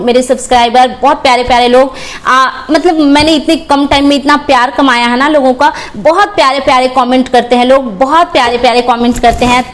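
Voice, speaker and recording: A young woman from Bihar giving roast reaction commentary, talking in a confrontational, mocking, scolding way. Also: sits high. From Bihar, India. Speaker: reaction channel creator.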